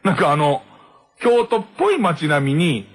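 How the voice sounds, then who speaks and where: High-voiced guy rambling through a funny radio monologue, voice bouncing up and down, cracking himself up. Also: very animated, moderate pace, slightly rough. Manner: rambling, self-mocking, laughs at own jokes. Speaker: late-night radio host. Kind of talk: comic storytelling monologue.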